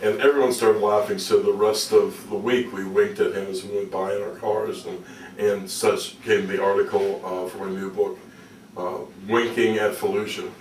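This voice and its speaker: Deep-voiced man telling stories haltingly, roomy recording. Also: little pitch movement. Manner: halting, repeats words, folksy. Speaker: interview guest, activist. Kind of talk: casual storytelling in an interview. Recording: roomy, distant mic with faint noise.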